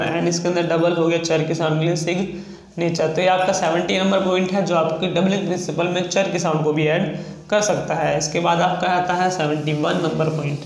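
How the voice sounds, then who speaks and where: A male shorthand teacher with a Hindi accent, explaining rules slowly and drawing out each example word. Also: high voice, gravelly, roomy sound, slight background noise, low-quality recording. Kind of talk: slow explanatory lesson.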